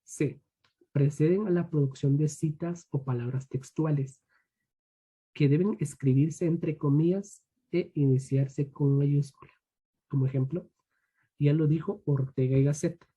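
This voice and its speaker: A young man from Guatemala gives an online grammar lesson as a student teacher, with a husky, dark voice that sits a little high. He reads each rule aloud, then slows down for asides to his students.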